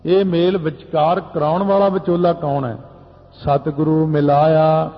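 A man's voice: sits high, normal speed. A man giving a sermon, explaining scripture verses plainly and posing rhetorical questions to the congregation. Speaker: Sikh preacher giving scripture exposition. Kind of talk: sermon with chanted scripture lines. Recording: lo-fi with long hall reverb.

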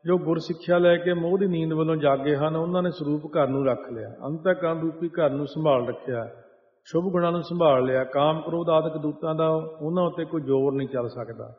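A man giving a Sikh religious discourse. He sings lines of scripture slowly, then explains them in plain talk. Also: on the high side. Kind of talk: sermon, chanting verses then explaining. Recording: echoey hall over a tinny line.

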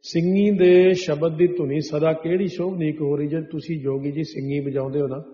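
A man giving a Sikh sermon who chants scripture verses slowly, then explains them line by line. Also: on the high side, steady tone, warm tone. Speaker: Sikh preacher giving katha. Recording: dull echoey hall sound.

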